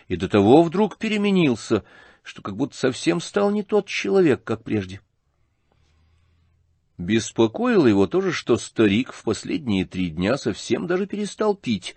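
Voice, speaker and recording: Expressive male audiobook narrator. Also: mid-range voice, husky, no echo. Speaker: audiobook reader. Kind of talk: scripted narration of a classic novel.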